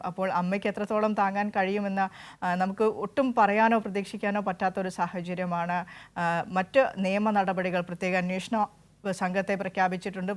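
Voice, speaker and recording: Female anchor, even monotone, steady sombre studio read. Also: medium pitch. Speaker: news anchor. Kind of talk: news anchoring.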